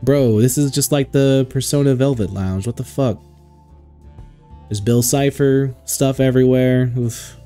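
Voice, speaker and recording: A man's voice: mid-range voice, fairly even intonation, unhurried, mellow, smooth, soft background music. A man giving crude, joking commentary while playing a video game, swearing often. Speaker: gaming streamer. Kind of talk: let's play commentary.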